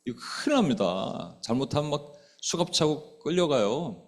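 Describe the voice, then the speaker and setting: A middle-aged man preaching in a conversational way, his pitch rising and falling widely as he questions the congregation. He acts out quoted speech with abrupt loud outbursts, then drops back to a low aside. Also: sing-song, normal speed. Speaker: pastor. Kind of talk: sermon. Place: church sanctuary.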